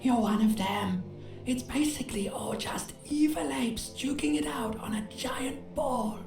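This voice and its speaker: A woman's voice: fairly high pitch, unhurried. A woman voicing a cruel, mocking inner voice of raw feeling in scripted game narration, in a hissing, taunting whisper. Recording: echoey game audio over music.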